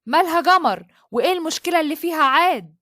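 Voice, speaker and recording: A stern young landowner speaks, curt and quietly menacing, as a woman storyteller reads his part. The voice stays high and quick. The recording is close and dry. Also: expressive, dry recording. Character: stern brooding young Upper Egyptian landowner man.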